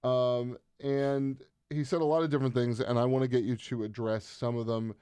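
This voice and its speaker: A man's voice: medium pitch, little pitch movement, normal speed, warm tone, clean tone, dry recording. A man hosting a political talk show, asking long conversational questions full of fillers. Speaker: podcast host.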